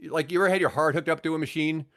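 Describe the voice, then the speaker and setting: Here a sixty-something ex-radio broadcaster chats on a podcast, his slightly high, bright voice holding a steady tone while he talks rapid-fire. His storytelling is casual and meandering, and he keeps going back to reword things.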